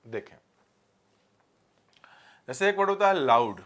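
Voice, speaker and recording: A Hindi-speaking male grammar teacher gives an exam-prep lesson in a medium-pitched, very animated, fairly bright voice. He explains in Hindi mixed with English and reads examples slowly.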